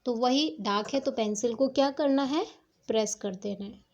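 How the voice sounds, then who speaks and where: A woman's voice: on the high side, moderate pace, a little mellow, lo-fi sound. Patient woman teaching shorthand strokes. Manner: patient, repeats "ठीक है" to check understanding. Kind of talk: step-by-step classroom explanation.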